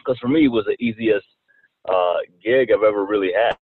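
A man in his thirties from Rwanda with a slight Southern twang, talking haltingly as an interview guest and often repeating words. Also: fairly low pitch. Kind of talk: casual interview talk. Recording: tinny phone-like line, faint noise.

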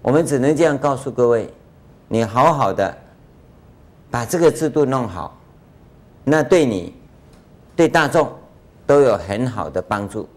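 An older man gives a Buddhist dharma lecture in a conversational way, full of rhetorical questions and drawn-out filler sounds. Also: mid-range voice, lively intonation, darkish tone. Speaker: Buddhist master giving a lecture.

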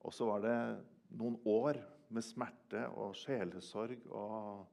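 An older man preaching a sermon in a church, earnest, swinging from loud emphasis to hushed quiet. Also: lowish voice, fairly even intonation. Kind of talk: sermon with personal testimony.

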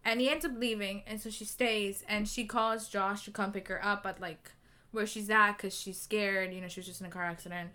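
A young woman retells book scenes at length as a podcast co-host, keeping it chatty and loaded with "like" and "you know." She speaks briskly with a sharp tone, medium pitch and fairly even intonation.

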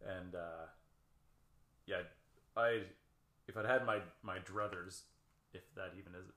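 A man co-hosting a podcast, chatting casually in a joking, relaxed way with some swearing. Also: low voice, measured pace, echoey room. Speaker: podcast co-host. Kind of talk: casual chat.

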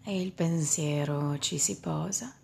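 A woman leading a guided meditation in a slow, soft voice that often drops into a whisper. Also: deep voice, gravelly, slight background noise.

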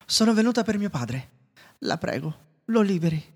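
A man voicing a brave young woman in a storybook reading, raising his voice to a pleading high pitch. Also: animated, unhurried, gravelly, darkish tone, slightly rough, long reverb tail, exaggerated voice.

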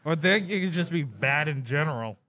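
A man's voice: a little high, animated, brisk, pushed and bright. A male heckler grumbling in casual banter, exasperated by the jokes he hears. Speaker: heckling listener.

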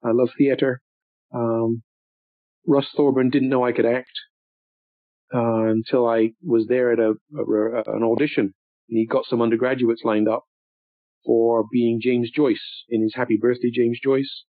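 A man's voice: mid-range voice, little pitch movement, a little slow, dry recording. Older guy rambling thoughtfully, lots of ums, tinny phone-line sound, dry. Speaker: interviewee. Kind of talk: reflective storytelling.

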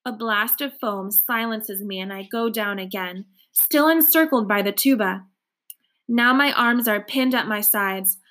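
Woman reading a novel aloud. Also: a little high. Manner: expressive storytelling. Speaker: audiobook reader.

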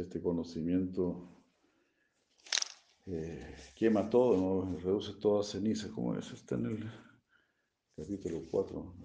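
Male swami lecturing scripture, low gravelly voice, gentle explainer who keeps checking in; dull echoey room recording. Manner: explains gently with frequent tag questions, chuckles at own jokes. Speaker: swami giving a scripture class. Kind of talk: sermon.

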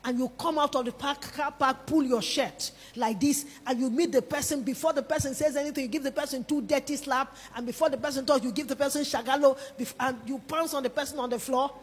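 High-voiced woman preaching in a hall. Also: fairly even intonation, fairly quick, hardly any pauses. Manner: emphatic, calls the congregation to respond aloud. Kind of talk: sermon. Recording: long reverb of a large hall.

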